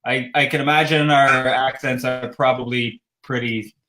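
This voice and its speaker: A man's voice: mid-range voice, steady tone, moderate pace, bright, forceful tone, faint music behind. A Canadian man with a slight lisp, hosting a casual livestream chat and rambling with frequent chuckles. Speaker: host.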